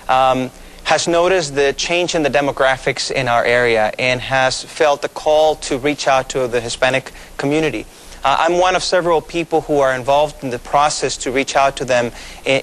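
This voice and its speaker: A Mexican pastor in his thirties, a native Spanish speaker, appears as a guest in a TV studio interview, explaining things in a measured way with lots of fillers. His voice is mid-range and a bit bright, and the audio quality is poor.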